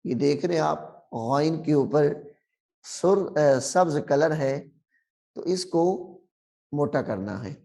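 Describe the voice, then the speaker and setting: A man from Pakistan teaching Quran reading, drawing out words slowly and repeating them, then explaining the rules briskly. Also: fairly high pitch, animated, vocal fry, warm tone. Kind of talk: recitation lesson.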